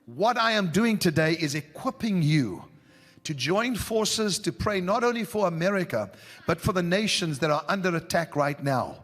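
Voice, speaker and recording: A man's voice: high voice, expressive, moderate pace. A man preaching a fervent prophetic sermon, calling out to the congregation. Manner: fervent, rising to shouts, talks to the audience. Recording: long hall reverb with faint music.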